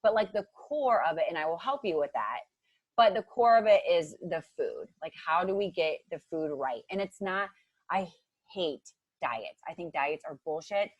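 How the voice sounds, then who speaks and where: Chatty woman with a low voice. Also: expressive, normal speed, slightly rough, no room sound, lo-fi sound. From Ohio, USA. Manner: chatty, many "like" fillers, acts out quotes. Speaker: podcast guest, nutrition coach. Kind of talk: casual chat.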